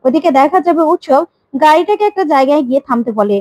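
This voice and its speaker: Fast high-voiced woman retelling a serial. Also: animated, a little mellow, dry recording, low-quality recording. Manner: brisk, voicing every character herself. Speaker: storyteller.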